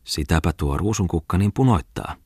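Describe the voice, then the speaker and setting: Suspicious shoemaker from a male reader, whiny and hesitant, husky low voice. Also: lively intonation, darkish tone, no room sound, clean studio sound. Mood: doubting. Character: pale, suspicious village shoemaker man. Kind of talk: audiobook character reading.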